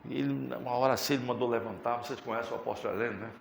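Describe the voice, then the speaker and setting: A man's voice: medium pitch, steady tone, very fast, vocal fry, slight background noise. A man preaching a sermon as pastor, with a Brazilian Portuguese accent, talking with swelling, impassioned fervor. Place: church sanctuary. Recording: echoey church hall with music.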